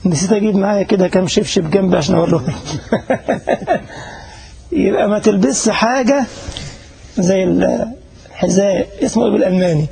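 This poorly recorded clip has an Egyptian-accented sheikh teaching religion to a live crowd in Germany in a chatty, joking way, addressing listeners and asking checking questions. His voice is high-pitched and dark, with vocal fry, a fairly quick pace and frequent pauses.

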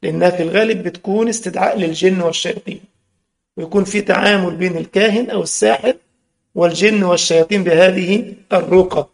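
A man's voice: high voice, vocal fry. A man with an Egyptian accent giving a religious lesson, mixing formal and colloquial speech and quizzing his listeners. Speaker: Islamic religious teacher.

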